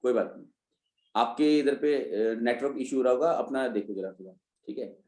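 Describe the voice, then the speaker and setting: A man's voice: medium pitch, moderate pace, dark tone, roomy sound. A man teaching an online revision class, explaining step by step and answering his own questions. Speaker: Hindi teacher. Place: online class, students joining remotely.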